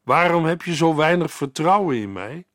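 A man voicing Jesus as a calm teacher speaking gentle, reassuring words within a Bible reading. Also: on the high side, moderate pace, no room sound, clean studio sound, pitched above the performer's own voice.

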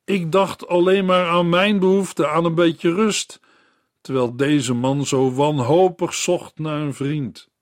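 Slow, earnest male Bible narrator. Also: fairly high pitch, fairly even intonation, dry recording, clean studio sound. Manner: measured, earnest reading, addresses the listener. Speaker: radio Bible teacher. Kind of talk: scripted story narration in a Bible broadcast.

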